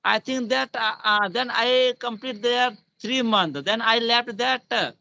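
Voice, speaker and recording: A man in his thirties with an Indian accent talks casually in broken English, often restarting his phrases. His voice is high and bright with plenty of creak. It comes over a dull online call. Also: measured pace. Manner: broken English with repeats and self-corrections. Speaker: English learner. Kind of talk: casual spoken-English practice chat.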